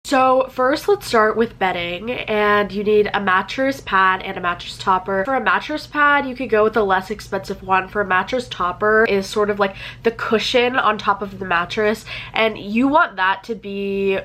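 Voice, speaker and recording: A woman's voice: medium pitch, normal speed, hardly any pauses, fairly bright tone, low-quality recording. A young adult woman vlogger with a congested, stuffy voice from a cold, talking in a chatty, casual way full of "like" fillers. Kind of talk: casual chat.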